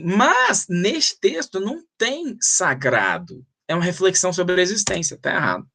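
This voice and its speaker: A middle-aged man with a Brazilian accent teaching a literature lesson, reading verse aloud and drawing out syllables as he counts the meter. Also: high-pitched. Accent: Brazilian Portuguese. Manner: animated, drawn-out syllables when reading verse. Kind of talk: literature lesson for exam prep.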